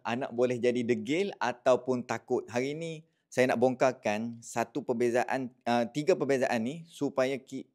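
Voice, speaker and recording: A man with a Malaysian accent giving casual parenting advice to the camera. He talks in a lively way, mixes in English words and keeps checking in with his listeners. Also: mid-range voice. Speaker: parenting content creator.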